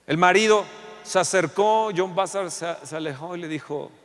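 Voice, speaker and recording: A man preaching a passionate sermon, swinging between loud outbursts and hushed storytelling. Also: high-pitched, normal speed, long reverb tail.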